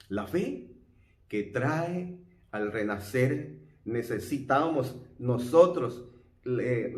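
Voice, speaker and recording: A man's voice: mid-range voice, darkish tone, echoey room. A male preacher giving a sermon, emphatic and putting questions to his listeners.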